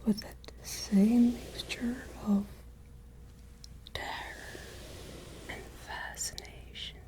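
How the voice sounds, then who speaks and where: In a whispered ASMR roleplay, a woman plays an ageless vampire lady of a castle, haughty and menacing, delivering her lines deliberately and imperiously. Her voice is fairly high with a flat delivery, carrying a cold, wistful menace.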